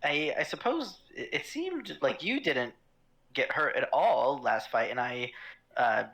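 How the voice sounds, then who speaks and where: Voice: mid-range voice, sing-song, unhurried, creaky, a bit bright, rough recording. A tabletop player speaking in character, polite and wry, hesitating often.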